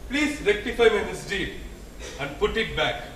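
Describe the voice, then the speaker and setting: A man playing a mighty, hot-tempered male god on stage, declaiming in a commanding, booming way. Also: lively intonation, moderate pace, fairly bright tone, a little hiss or hum. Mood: remorseful. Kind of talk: amateur stage drama. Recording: echoey hall, mic from a distance.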